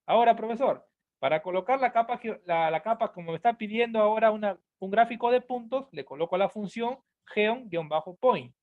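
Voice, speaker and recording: A man's voice: sits high, a little fast, natural voice. A man voicing a curious male student who keeps asking his teacher questions, in an eager, questioning way. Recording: dull lo-fi audio.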